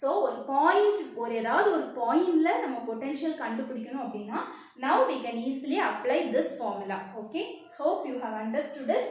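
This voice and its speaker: A woman's voice: high-pitched, lively intonation, rapid-fire. A woman with a South Indian Tamil accent teaching like a lecturer, repeating key phrases and checking understanding with short questions. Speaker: physics teacher. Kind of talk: lecture mixing English with another language. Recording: very echoey room, distant microphone.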